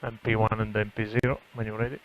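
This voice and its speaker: A man working as a race engineer on team radio, giving calm, matter-of-fact spotter-style briefings in clipped phrases. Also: on the low side, fast talker, lo-fi sound. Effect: team radio transmission. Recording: noisy race car radio link.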